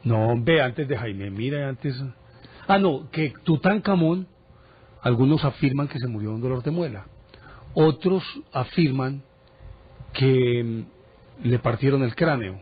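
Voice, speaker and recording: Husky man telling stories. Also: medium pitch, a little slow. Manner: animated storyteller, chatty asides. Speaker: TV presenter telling history stories. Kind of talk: casual storytelling on TV. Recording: dull broadcast audio.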